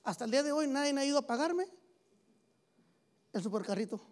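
A man with a Mexican accent preaching a sermon as pastor, joking and animated, with sudden loud exhortations to his church. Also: very high-pitched, brisk.

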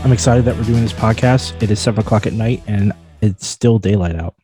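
A man's voice: lowish voice, fairly quick, music in the background. Playful man co-hosting a podcast. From New York City area. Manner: playful, riffing. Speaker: podcast co-host. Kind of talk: casual chat.

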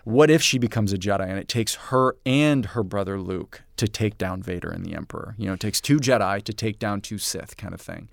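A man's voice: lowish voice, a little fast, gravelly, few pauses, dry recording, studio quality. A man co-hosting a podcast in casual chat, talking in enthusiastic, rambling stretches that often stop and restart. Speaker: podcast co-host.

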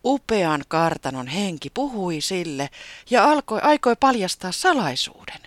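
Storybook narrator, animated and expressive, dry close sound. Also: medium pitch, dry recording. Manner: lively, expressive read.

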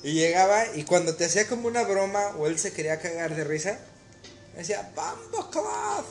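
A man's voice: fairly high pitch, quick pace, roomy sound, faint music behind. A man from Mexico with a Mexican accent, a cook co-hosting a casual podcast, telling stories in slangy speech and acting out the voices he quotes. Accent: Mexican Spanish. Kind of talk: casual chat.

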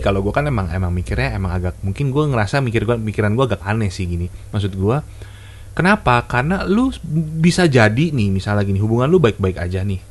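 A man co-hosting a casual podcast chat, giving his own views in a relaxed, reflective way. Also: on the low side. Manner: relaxed, reflective, gives his opinion plainly. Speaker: podcast co-host.

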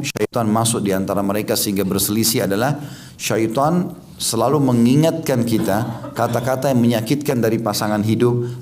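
A man giving a religious lecture, explaining hadith and reciting verses in Arabic with a steady teaching manner. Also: fairly low pitch. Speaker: Islamic preacher.

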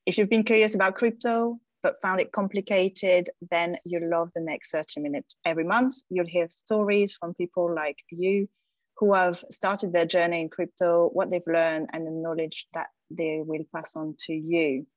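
A bubbly, chatty woman host with a fairly low voice. Her audio sounds dull and lo-fi, completely dry with no room sound. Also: fairly even intonation, moderate pace, no echo. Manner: bubbly, chatty, laughs easily. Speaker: podcast host. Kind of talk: podcast hosting.

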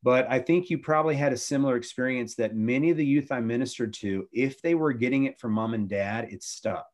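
A man's voice: medium pitch, fairly quick, darkish tone. A middle-aged man, a former youth pastor, talking about faith and family in an earnest, preachy way with many restarts.

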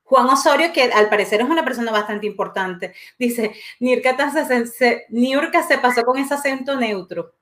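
A woman hosting a casual live-stream chat, animated and talkative. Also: fairly high pitch, normal speed, hardly any pauses. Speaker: host.

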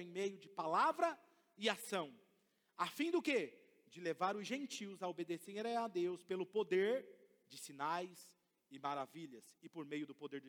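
A man preaching a sermon, telling a story and acting out the voices in it with animation. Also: high voice. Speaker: pastor. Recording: long hall reverb.

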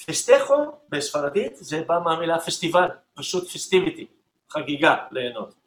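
A man and music teacher explaining rhythm in an interview, patiently counting beats out loud and voicing drum patterns. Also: a little high, sing-song, echoey room, noisy background.

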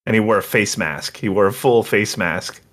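A man's voice: lowish voice, moderate pace, a bit bright. A man talking as a podcast guest in casual chat, blunt and opinionated, swearing freely.

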